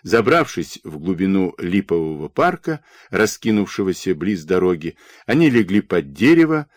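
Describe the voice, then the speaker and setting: A man reading a novel aloud as an expressive audiobook narrator. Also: deep voice, moderate pace, no echo. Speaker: audiobook reader.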